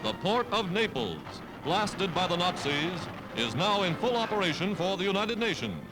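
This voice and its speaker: A man's voice: high voice, very animated, moderate pace, rough recording. A man narrating an old wartime newsreel in an emphatic, declamatory way. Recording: archival film soundtrack with loud music behind.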